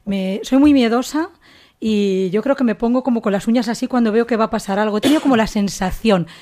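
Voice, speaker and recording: A woman's voice: a little high, fairly quick, warm tone. Hesitant Spanish woman guest. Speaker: radio guest, author. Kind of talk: casual radio chat.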